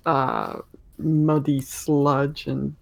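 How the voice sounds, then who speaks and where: Slow, gravelly male game master. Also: on the high side, flat delivery. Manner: halting, searching for words. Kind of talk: improvised tabletop game narration.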